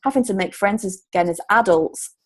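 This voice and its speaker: A woman in her thirties from Hull, Yorkshire, England, speaks with a Yorkshire accent as an interview guest and relocation coach. Her voice is medium-pitched and a little fast, and she chats casually, laughing often.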